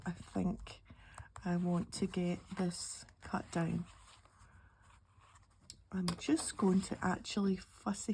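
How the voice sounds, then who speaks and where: A middle-aged Scottish woman, slightly croaky from a cold, hosts a craft channel and chats casually while thinking aloud through a tutorial. Her voice sits on the low side and is mellow, recorded at an indoor craft table with clearly audible background noise and handling clicks.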